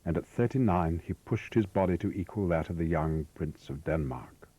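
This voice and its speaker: A man narrating a television documentary in a calm, measured scripted voice. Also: low-pitched, slightly rough, no room sound. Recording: dull voice-over under music.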